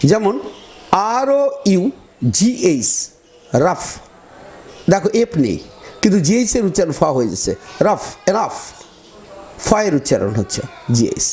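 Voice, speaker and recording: A man's voice: sits high, huge pitch swings, dark tone. Man teaching, spells words letter by letter. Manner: talks to students directly, repeating words slowly. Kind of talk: spoken pronunciation lesson.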